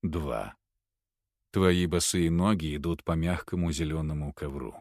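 A man voicing a calm, cold older male professor who hypnotizes a patient with slow, soft instructions. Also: extremely low pitch, no echo, clean studio sound, voice pushed down. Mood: hypnotic. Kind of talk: audiobook character voice.

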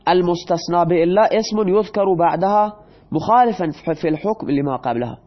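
On dull audio, a man with a high voice explains grammar in Persian. He slowly reads example sentences aloud and asks his students questions, then answers them himself.

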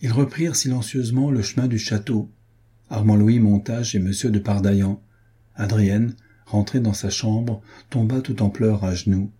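A man reading a classic adventure novel aloud as an audiobook narrator, measured and literary. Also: on the low side, steady tone, dark tone, breathy edge. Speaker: audiobook reader.

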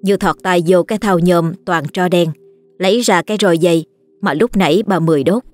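A woman with a Southern Vietnamese accent narrating a ghost story in a steady, plain way. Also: lowish voice, brisk, no echo, faint music behind.

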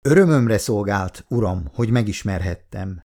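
A man's voice: fairly low pitch, lively intonation, a little mellow. A man reading the lines of a commando major who answers in formal, clipped replies. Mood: respectful. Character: loyal male commando major, formal and respectful.

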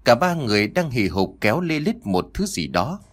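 Male audiobook narrator, dramatic storytelling, lively pitch. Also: moderate pace.

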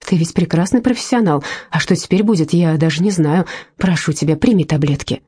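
Woman reading a caring friend, insistent, pleading, low, husky, audiobook. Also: fairly quick, mellow. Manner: pleading, persuasive. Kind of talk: audiobook character voice.

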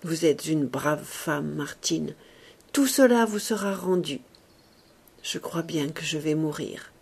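A woman reading aloud, voicing a dying old man who speaks low and weakly. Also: animated, slow, vocal fry, slightly rough, exaggerated voice. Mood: weak tender. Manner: weak, low and hushed.

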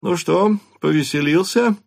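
A man's voice: high voice, measured pace, creaky, voice pushed up, exaggerated voice. A man reading an audiobook aloud and voicing a jovial, flustered old count who talks in raised exclamations.

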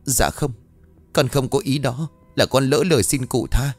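A man's voice: mid-range voice, normal speed, dry recording, faint music behind, close to an everyday voice. A man voicing a terrified peasant mother who humbly begs for mercy in an audiobook story. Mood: pleading. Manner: begging, humble, desperate.

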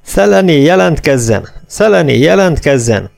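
A man voicing an urgent, commanding male chief engineer who shouts his orders in an audiobook. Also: mid-range voice, lively intonation, vocal fry, pitched above the performer's own voice. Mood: shouting urgently.

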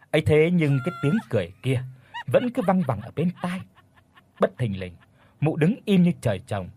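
A man's voice: medium pitch, a little mellow, husky, dry recording. A man narrating a horror audiobook with dramatic storytelling.

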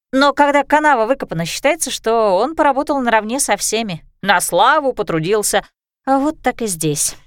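A woman reading a storybook, voicing a chatty, excitable female dragon in a high, bubbly voice. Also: no room sound, studio quality.

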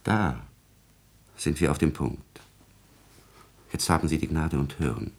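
Playing a fawning, plotting court secretary in a classical radio drama, the actor uses an extremely low, gravelly, slightly rough male voice with lively intonation at a measured pace. His exaggerated delivery is formal and obsequious, full of insinuation and calculation.

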